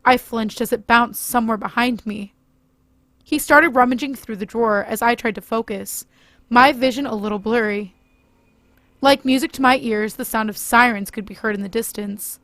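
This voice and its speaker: Casting: female horror narrator, fairly high voice, dry close sound. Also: steady tone, normal speed, a bit bright, no echo.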